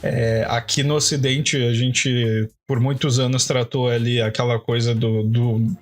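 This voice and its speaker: A man's voice: mid-range voice, a little slow, faint music behind. A young adult man, chatting casually and jokingly as a podcast co-host. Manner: animated, jokey, lots of filler words. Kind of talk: casual chat.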